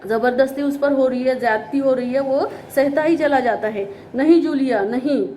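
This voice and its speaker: A woman teacher walks her class through a story, rephrasing lines and explaining words as she goes. Her voice is high, with faint noise in the background. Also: moderate pace, a little mellow.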